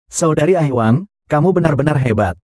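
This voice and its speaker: A man delivering every part of a dubbed drama in one flat, even voice that barely shifts from role to role. The tone is mellow and warm, and the close studio take is dry, with no room around it. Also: a little high, a little fast, no room sound. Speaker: dub voice for all roles. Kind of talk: dubbed short drama dialogue.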